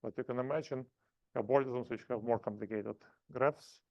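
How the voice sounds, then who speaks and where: A man lecturing at a math seminar, thinking aloud in halting phrases and restarting often. His voice sits at a middle pitch. The sound is dry and a bit muffled. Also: steady tone, dry recording. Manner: halting, self-correcting explanations.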